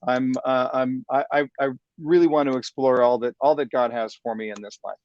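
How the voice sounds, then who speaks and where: A man's voice: medium pitch, fairly even intonation, fairly quick, a little mellow, no echo, highs cut off. A man in his sixties, a sales trainer speaking as a guest, enthusiastic and motivational, often repeating words as he starts a thought. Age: 60s. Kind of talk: upbeat interview talk.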